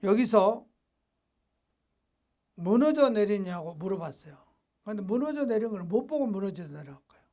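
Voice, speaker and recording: A man preaching a sermon as a pastor. He switches between reading a devotional text and blunt, scolding asides in rough everyday speech. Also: sits high, lively intonation, moderate pace, long pauses, mellow. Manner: informal, rough-edged colloquial talk.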